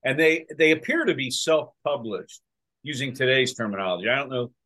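A man hosting a golf podcast, chatting excitedly and restarting his sentences often. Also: medium pitch, a little fast. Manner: excited, talks in bursts with many restarts. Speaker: podcast host. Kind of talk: casual chat.

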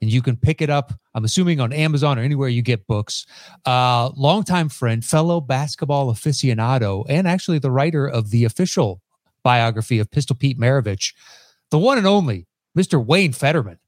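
A man's voice: medium pitch, lively intonation, fairly quick, no echo, studio quality. A man hosting a casual podcast, introducing guests in an easygoing way with plenty of fillers. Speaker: podcast host.

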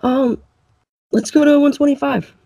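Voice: sits high, steady tone, measured pace, creaky, warm tone, no room sound. A co-host in a casual sports chat who thinks aloud hesitantly and often agrees. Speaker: podcast co-host.

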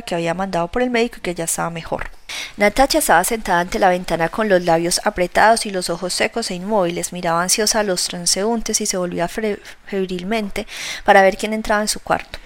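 A woman narrating a novel as an audiobook, reading in a measured, steady way. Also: medium pitch.

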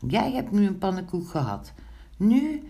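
A woman voicing a tiny excitable little elf man in a children's storybook, eager and exclaiming. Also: mid-range voice, unhurried, pitched above the performer's own voice. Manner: eager, exclaiming, bossy in a pinch.

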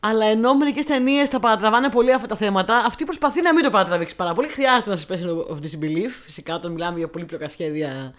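A woman co-hosting a podcast in casual chat, eager and quick to agree with repeated yeses. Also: medium pitch. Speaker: podcast co-host.

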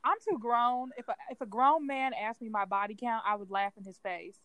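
A woman's voice: fairly high pitch, brisk, a bit bright, dry recording. Blunt, teasing woman co-host, dry sound. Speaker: podcast co-host. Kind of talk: casual chat.

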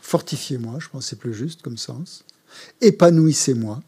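Mellow-voiced man teaching with hesitant fillers. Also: medium pitch, moderate pace, slightly rough. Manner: hesitant, frequent fillers and repeated words. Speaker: Buddhist teacher. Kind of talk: explaining a mantra in a course.

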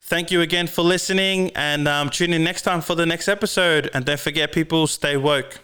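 A man's voice: on the high side, fairly even intonation, normal speed, pushed and bright, clear, resonant tone. A man with a broad New Zealand accent hosting a podcast, giving casual, slangy, sweary advice on his own. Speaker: podcast host.

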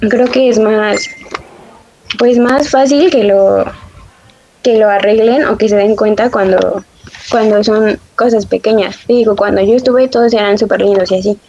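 A young woman chats casually, telling stories and laughing often, her warm, medium-pitched voice fairly even in intonation at normal speed. She describes herself as sensitive. The dull lo-fi audio carries a little hiss or hum.

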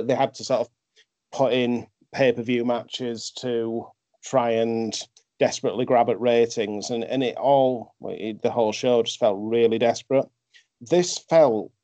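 A man hosts a podcast, reviewing wrestling in a casual, conversational way. His mid-range voice has a warm tone with no echo. The lo-fi microphone sounds dull and dry.

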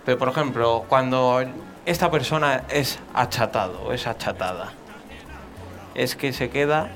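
A man co-hosting a radio chat, bantering with deadpan jokes. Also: mid-range voice, unhurried, over music. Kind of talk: casual chat interview.

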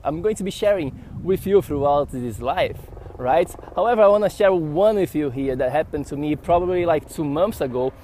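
A man from Brazil with a Brazilian Portuguese accent, a podcast host telling a story casually to camera in an animated, rambling way. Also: fairly high pitch, moderate pace, slight background noise. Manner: animated, rambling with fillers and restarts.

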